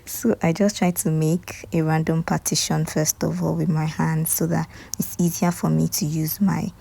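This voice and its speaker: Nigerian woman, flat low voice, gravelly, soft half-whispered tutorial chat. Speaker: hair tutorial creator. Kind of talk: casual tutorial voice-over.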